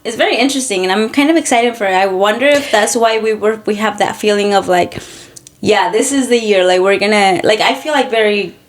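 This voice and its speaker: A woman's voice: mid-range voice, a little fast. A woman in her thirties co-hosting a casual podcast, rambling with lots of fillers and restarts. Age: 30s. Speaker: podcast co-host. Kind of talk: casual chat.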